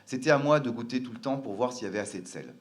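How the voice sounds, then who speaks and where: A man's voice: medium pitch, expressive, very fast. A man from France telling a personal family story, earnest and hesitant, with frequent fillers and restarts.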